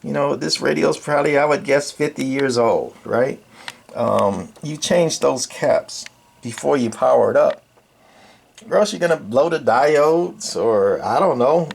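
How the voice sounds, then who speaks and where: An older man, a hobbyist radio repairer presenting a video, gives a casual, unscripted walkthrough in a rambling, colloquial, folksy manner. His medium-pitched voice is creaky, with slight background noise.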